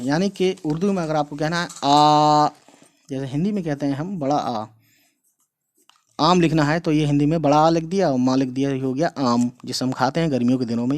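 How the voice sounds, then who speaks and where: Man teaching Urdu to viewers: friendly "guys" address, patient repetition, slightly raised pitch. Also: a little mellow. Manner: patient, repetitive explaining with frequent checks. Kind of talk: online language lesson.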